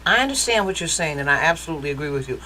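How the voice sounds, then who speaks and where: Bright-voiced chatty woman host. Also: low voice, lively intonation, very fast, slight background noise, rough recording. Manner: chatty, probing, pushes back. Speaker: talk show host. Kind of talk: casual interview.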